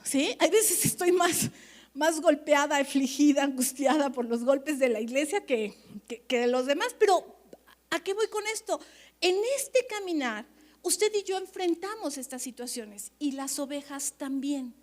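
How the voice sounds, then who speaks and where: Lively woman pastor preaching. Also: sits high, moderate pace. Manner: animated, chatty, asks the audience for agreement. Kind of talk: sermon at a leaders' conference.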